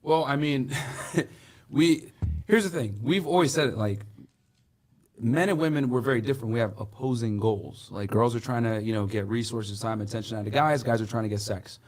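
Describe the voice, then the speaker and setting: A man's voice: mid-range voice, moderate pace, a little mellow. A man in a played podcast clip, explaining his view assertively. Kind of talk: podcast debate.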